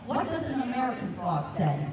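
Through a handheld mic, a folk dance leader with a fairly high voice and a moderate pace playfully directs a children's circle dance outdoors. The setting is a grassy park at a festival, and she energetically addresses the crowd. Filmed from far off, the sound is distant and echoey, with music and a crowd behind her.

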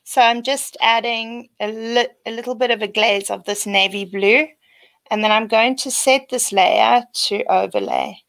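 Woman, live painting demo, relaxed explaining, heavy vocal fry. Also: a little high, a little slow, dry recording. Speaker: guest artist. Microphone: computer microphone on a video call.

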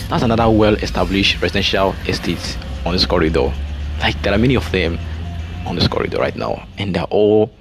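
A man's voice: low voice, lively intonation, a little fast, music in the background, poor audio. A Nigerian man giving casual commentary while driving, pointing out sights along the road like a tour guide. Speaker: vlogger. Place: inside a moving car. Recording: road and car noise behind.

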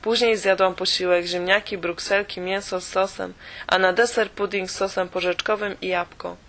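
A woman reading a first-person audiobook in a steady, measured way. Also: mid-range voice. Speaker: audiobook reader.

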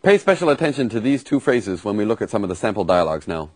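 A man's voice: lowish voice, sing-song, fast, a little mellow. A man teaching vocabulary and grammar in a lesson, explaining patiently with examples. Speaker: language teacher.

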